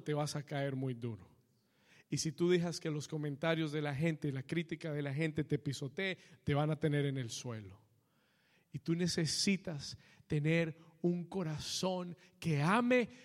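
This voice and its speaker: A man preaching a sermon in a church hall, calling out to the congregation and slipping English phrases into his talk. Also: on the high side. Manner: preaching with rising intensity, calls to congregation; mixes Spanish with English phrases. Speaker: pastor. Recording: long reverb of a church hall.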